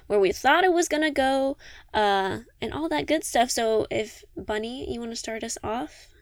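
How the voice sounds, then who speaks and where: A woman hosting a casual podcast chat, upbeat and chatty, quick to cheer on her co-hosts. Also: fairly high pitch, no echo. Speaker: podcast host.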